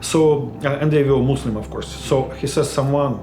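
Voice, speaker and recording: A man, a missionary telling his story in an interview in a measured, reflective way. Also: mid-range voice, steady tone. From Ukraine. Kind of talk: personal testimony interview. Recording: roomy echo with music underneath.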